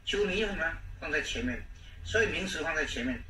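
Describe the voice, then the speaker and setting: A man with a Taiwanese accent gives a language lesson, with a bright, forceful voice that sits a bit high. He goes over each point more than once and keeps filling pauses with drawn-out "ha" and "oh". He is heard from a distance in an echoey room with faint background noise. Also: expressive. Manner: repetitive, drawn-out, frequent "ha, oh" fillers. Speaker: teacher.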